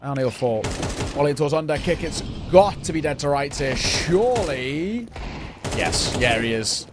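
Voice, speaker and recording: Higher-voiced male esports caster, noisy game audio. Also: expressive, a little slow. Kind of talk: live esports play-by-play commentary. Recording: noisy, game gunfire and clicks behind.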